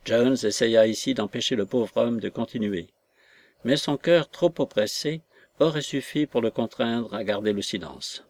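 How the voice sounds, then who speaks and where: A man narrating a classic novel in a measured, deliberate reading. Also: mid-range voice, a little mellow. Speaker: audiobook narrator. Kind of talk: scripted narration.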